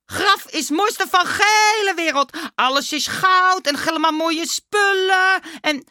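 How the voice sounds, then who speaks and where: A woman's voice: very high-pitched, slow, dry recording, clean studio sound, voice pushed up, heavily acted. A woman voicing an eager little mummy boy who speaks in broken grammar. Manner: broken grammar, excited chatter.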